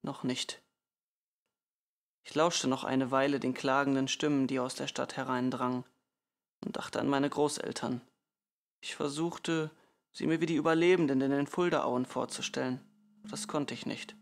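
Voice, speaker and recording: Gravelly male audiobook reader. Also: medium pitch, fairly even intonation. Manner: subdued, measured storytelling. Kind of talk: audiobook narration.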